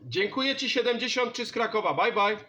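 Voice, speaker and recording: Background noise runs under an animated, fairly quick, high male voice. He's a CB radio operator and channel host having a casual, friendly contact chat at his indoor home radio station.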